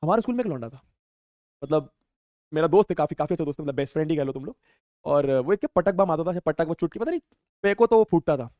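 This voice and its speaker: A man's voice: a little high, expressive, fast talker, dark tone, no room sound. A young man teaching an online class, chatting casually and teasing as he reads out viewer comments in a playful, slangy way. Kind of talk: casual live chat reading viewer comments. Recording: dull, dry sound.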